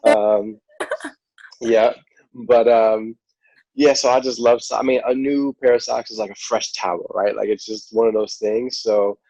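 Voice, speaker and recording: A man with a New York accent tells his story in a loose, rambling way, leaning on "like" and "you know." His voice sits very low. The recording is dry and a little muffled. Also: measured pace, no echo. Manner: relaxed, rambling, heavy use of "like" and "you know". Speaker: podcast guest. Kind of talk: casual interview storytelling. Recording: dull lo-fi audio.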